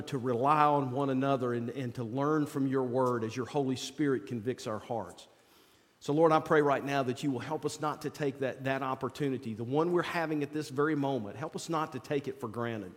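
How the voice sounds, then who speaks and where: A man leading a church service as pastor, speaking at a pulpit microphone, with halting speech full of repeats and fillers. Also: medium pitch. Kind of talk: welcome and opening prayer. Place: church sanctuary. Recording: long church-hall reverb.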